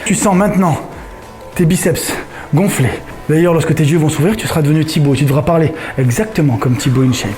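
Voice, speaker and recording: A man hosting a comedy hypnosis show, giving slow, calming commands. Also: a little high, soft background music. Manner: slow soothing inductions, laughing banter. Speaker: stage hypnotist and host.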